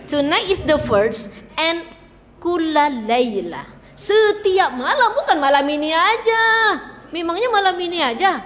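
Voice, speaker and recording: A high-voiced middle-aged woman preaches to an audience in an animated way. She slips in English phrases and acts out husbands and wives. Her voice carries a long echo from a large hall. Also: unhurried. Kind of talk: lively religious talk to an audience.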